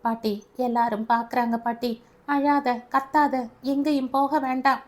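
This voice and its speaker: A woman's voice: high voice, fairly even intonation, moderate pace, natural voice. A woman voicing a stubborn young granddaughter who pleads and insists in an audio novel. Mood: pleading.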